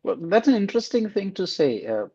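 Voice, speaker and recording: A man's voice: high voice, sing-song, fairly quick, dark tone, husky. A man hosting an interview over a video call, talking in a friendly, rambling way with many fillers. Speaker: host. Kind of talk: casual interview. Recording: slightly dull lo-fi sound.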